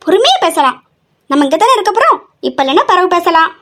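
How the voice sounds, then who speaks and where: A jittery young wife, voiced by a woman in an audio drama, talking in a very high pitch. She stalls and rambles nervously to avoid an awkward talk. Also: sing-song, fast talker, a bit bright, exaggerated voice. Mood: stalling. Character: flustered young wife, shy and evasive.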